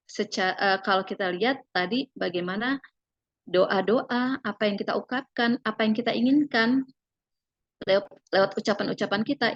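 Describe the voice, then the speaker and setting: A woman leads a parenting seminar from her slides. She talks to parents in a gentle, persuasive way and fills her sentences with small spoken tags. The recording sounds dull and lo-fi, with a dry, close tone and no room echo. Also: medium pitch. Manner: filler-laden, tags phrases with "gitu ya".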